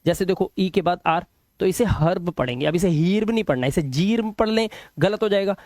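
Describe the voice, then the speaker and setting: A man's voice: high-pitched, expressive, darkish tone, no echo, studio quality. Patient male teacher drilling English phonics. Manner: explains patiently, repeats words slowly and asks checking questions. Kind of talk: classroom phonics lesson.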